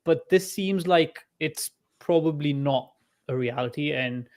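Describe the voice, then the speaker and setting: A man's voice: fairly high pitch, a little slow, darkish tone. A man co-hosting a casual podcast, enthusiastic and laughing easily. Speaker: podcast co-host. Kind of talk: casual chat.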